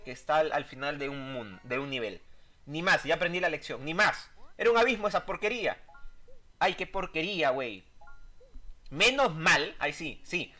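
Bright-voiced excitable man playing a game. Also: on the high side. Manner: excitable, jokey, yelps at surprises. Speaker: gameplay commentator. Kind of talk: casual let's-play commentary. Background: game music.

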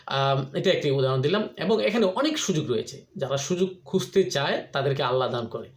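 A middle-aged man vlogging casual advice, rambling and pausing on frequent "ah" fillers and restarts. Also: mid-range voice, expressive. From Bangladesh. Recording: echoey room.

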